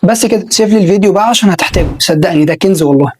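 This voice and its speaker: A man with an Egyptian Arabic accent presents a pronunciation lesson. He models each English word slowly and repeats it, pausing for the listener to try it. He encourages the learner as he goes. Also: high-pitched, noisy background. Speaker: English teacher.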